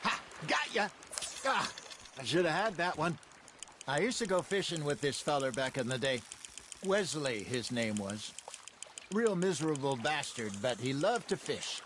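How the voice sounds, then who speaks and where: A folksy old-west outlaw spinning yarns. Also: male voice, fairly high pitch, unhurried, noisy background. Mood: amused. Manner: folksy, teasing, animated storytelling. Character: genial older frontier outlaw, jokey storyteller. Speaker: gang member on a fishing trip.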